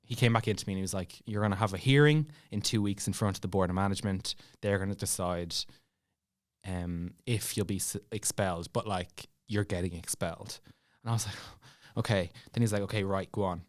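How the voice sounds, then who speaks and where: His voice sits low and runs a little fast: a young man from Ireland, guesting on a podcast and telling his own story in relaxed conversation. He acts out lines of dialogue animatedly, punctuated by laughing asides.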